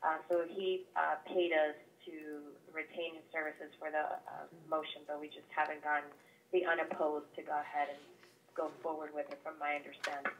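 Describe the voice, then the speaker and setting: A woman's voice: low voice, little pitch movement, normal speed, dull audio. Woman heard over a staticky speakerphone. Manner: polite, businesslike, helpful. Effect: heard over a courtroom speakerphone. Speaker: law office staff answering the phone. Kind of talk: phone call with a court. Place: law office. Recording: distant speakerphone line with static.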